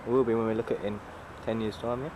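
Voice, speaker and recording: A man's voice: lowish voice, level tone, very fast. Dry-witted man on hissy old VHS tape. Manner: dry, teasing remarks. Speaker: friend on a home video outing. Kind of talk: casual banter. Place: outdoors on a town street with parked cars. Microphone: built-in camcorder mic. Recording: old VHS camcorder tape with loud hiss.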